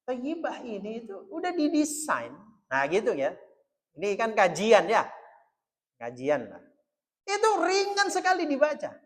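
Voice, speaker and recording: A male mosque teacher talks in a loose, chatty way, dropping words into his lesson. His pitch swings widely. The sound carries a long reverb from the mosque hall. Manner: chatty, mixing in Javanese, lively swings in pitch. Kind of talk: religious study talk.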